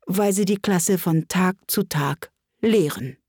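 A woman's voice: lowish voice, takes it slowly, mellow, husky, no echo, clean studio sound. A woman voicing a curious young girl in a storybook reading, speaking in an earnest, questioning way. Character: curious polite young girl, easily ruffled.

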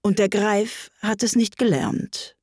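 A mournful, sighing mock turtle from a storybook, voiced by a woman, dragging each word out very slowly. The voice sits low and breathy, plaintive and heavy. It is recorded dry and close. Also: steady tone, darkish tone, dry recording.

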